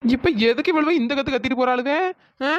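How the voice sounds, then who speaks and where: A woman's voice: sits high, fairly even intonation, fast talker, no room sound, highs cut off, close to an everyday voice. A woman voicing a lazy, cheeky village woman in a cartoon, speaking in a with an easy, teasing manner. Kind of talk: cartoon voice acting.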